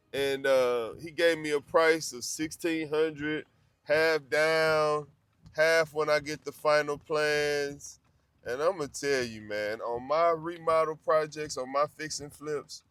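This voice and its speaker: A man's voice: mid-range voice, fairly bright tone. A man in his fifties, a licensed electrical contractor, talking casually and earnestly to his viewers, repeating his points and calling them "man". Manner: earnest, repetitive, calls listeners "man". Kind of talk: casual vlog talk to camera.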